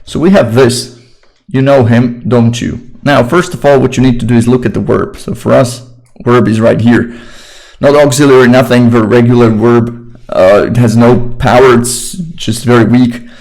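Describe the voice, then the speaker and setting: A man's voice: mid-range voice, fairly even intonation, moderate pace, a little mellow, poor audio. A young man with a Slovak accent, teaching English grammar in an informal, chatty online lesson and repeating his phrases.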